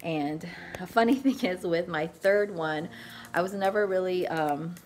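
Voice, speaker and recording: A woman's voice: fairly low pitch, a little slow, a little mellow. A woman vlogger in casual chat, talking in a chatty, rambling way with many fillers. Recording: background music clearly heard.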